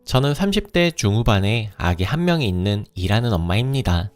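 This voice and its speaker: A man reading a first-person life story aloud as calm, scripted narration. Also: fairly low pitch, a little fast, dry recording, soft background music.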